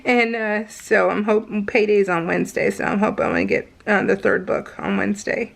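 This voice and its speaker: A middle-aged woman vlogs over a craft video in a mid-range voice, animated and a little fast, with some vocal fry. She chats casually and gushes in slangy terms, telling stories full of exclamations.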